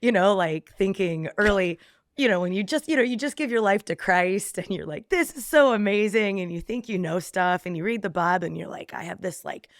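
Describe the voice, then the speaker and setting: A woman's voice: mid-range voice, fairly quick, dry recording, studio quality. A woman guest on a podcast giving a reflective faith testimony, with frequent ums, acting out her own past thoughts in quoted lines.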